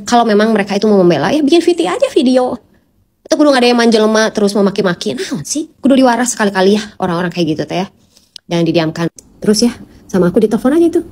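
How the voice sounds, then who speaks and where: A woman with a Sundanese accent, ranting in a casual vlog, animated and peppered with Sundanese slang and curses. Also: medium pitch. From West Java, Indonesia. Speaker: social media personality.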